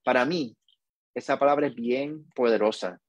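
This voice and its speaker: A middle-aged man speaks as a podcast host, slow, measured and earnest. His voice sits at an ordinary middle pitch. The sound is dry and close, with no room around it. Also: no echo, muffled recording. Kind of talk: reflective podcast monologue.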